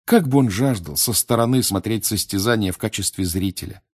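Give me a man with a lowish voice reading a story aloud expressively. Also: brisk. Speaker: audiobook narrator. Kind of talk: audiobook reading.

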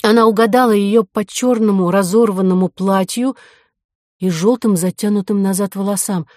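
A woman reading an audiobook aloud in a steady, measured narration. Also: mid-range voice, no room sound, clean studio sound. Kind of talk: scripted narration.

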